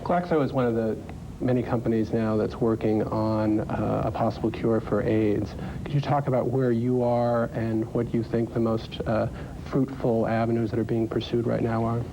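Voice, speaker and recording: A man's voice: medium pitch, flat delivery, moderate pace, background noise. A man asking long, somewhat hesitant questions as a journalist on a television interview panel.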